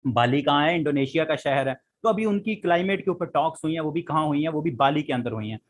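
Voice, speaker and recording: A man's voice: on the high side, lively intonation, fast talker. A man with a Pakistani Urdu accent teaching a current affairs lesson for exam prep. He repeats key facts and quizzes his students as he goes.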